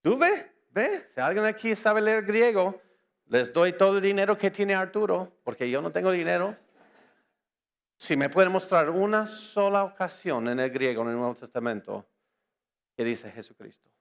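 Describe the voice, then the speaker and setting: Speaking at normal speed in a high-pitched voice, this conference speaker is a man whose first language is English. He delivers an apologetics lecture to churchgoers, joking lively and peppering them with rhetorical questions.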